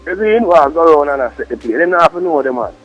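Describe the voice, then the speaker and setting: A man's voice: a little high, expressive, fast, soft background music. A Jamaican man talking emphatic, repetitive patois slang on a muffled three-way phone call.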